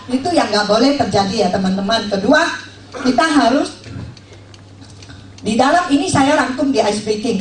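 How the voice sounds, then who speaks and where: A woman giving a joking, animated sales training talk to a room of agents, acting out little scenes as she goes. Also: a little high, recorded from a distance. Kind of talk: lively motivational sales talk. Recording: echoey room, voice from off-mic.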